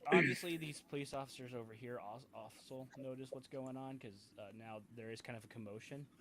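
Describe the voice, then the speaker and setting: A man narrating a tabletop game as game master, halting and full of fillers and restarts. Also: mid-range voice, fairly bright tone, slight background noise. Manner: hesitant, many fillers and restarts.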